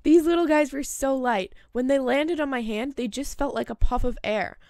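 A woman's voice: high-pitched, normal speed, a little mellow, no room sound, clean studio sound. A woman hosting a birdwatching video, reading a scripted voice-over narration. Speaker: host of a birdwatching video channel.

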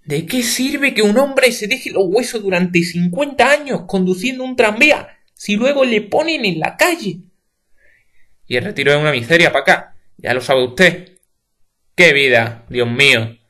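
A man's voice: high-pitched, animated, measured pace, pushed and bright, pitched above the performer's own voice, full character voice. A man with a Spain Spanish accent reading the part of a meek, pious middle-aged neighbor woman who complains of hard times. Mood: lamenting.

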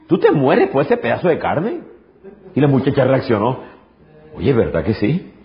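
A man's voice: medium pitch, huge pitch swings, normal speed. A male pastor preaching a sermon emphatically, repeating phrases and throwing rhetorical questions at the congregation. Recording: dull lo-fi recording.

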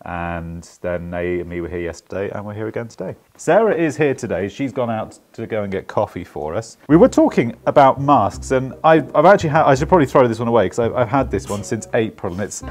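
Soft music plays behind a man chatting to camera as he works as an electrician inside a house under renovation. His mid-range voice is expressive and a little fast, and he jokes and swears freely in this casual on-site vlog.

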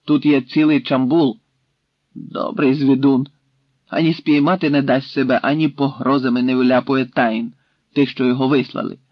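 A man's voice: mid-range voice, level tone, normal speed, dry recording, close to an everyday voice. A man voicing a stern Cossack leader who questions and threatens a captive in a commanding way, in a dry, slightly dull recording.

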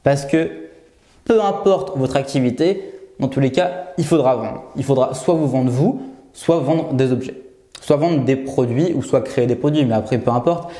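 Sitting in a bare little room with roomy echo, a young man in his twenties talks off the cuff to his YouTube camera. His voice is mellow and of medium pitch at a moderate pace, and he stumbles through plenty of fillers, stutters and restarts.

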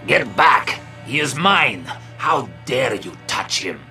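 A man voicing an old male vampire count who is courteous and menacing, speaking slowly and deliberately in a deep tone. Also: animated, fairly bright tone, soft background music, exaggerated voice. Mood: angry. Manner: slow, deliberate, commanding.

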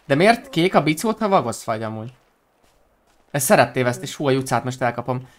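A man from Hungary talking through a role-play game stream in loose, casual banter. He jokes, teases and drops playful rhymes. His voice sits at an average pitch. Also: big pitch swings. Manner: joking, teasing, playful rhymes.

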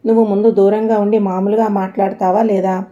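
A woman's voice: medium pitch, flat delivery, a little fast, dark tone, dull audio, close to an everyday voice. A woman reading an irritable, scolding husband. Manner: scolding, exasperated. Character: irritable middle-aged husband, short-tempered.

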